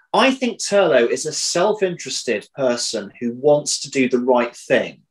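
Interviewed about his audio drama writing, a man in his thirties with a mid-pitched voice reflects conversationally, often stopping to rephrase and modestly downplaying himself, thoughtful, halting and self-deprecating. He's at home indoors, somewhat away from the computer, on a low-quality recording.

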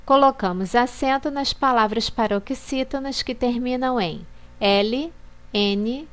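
A woman reading a scripted Portuguese lesson on accent marks in a slow, measured, list-like way. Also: fairly high pitch. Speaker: Portuguese teacher.

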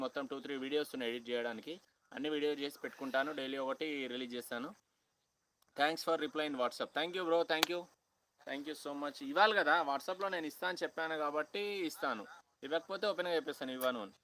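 A young man from Telangana with a Telangana Telugu accent, chatting loudly with viewers on a phone live stream outdoors on a college campus, half-shouting and greeting people by name. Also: fairly high pitch, quick pace, a little hiss or hum, low-quality recording. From Telangana, India. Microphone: phone held at hand, no external mic.

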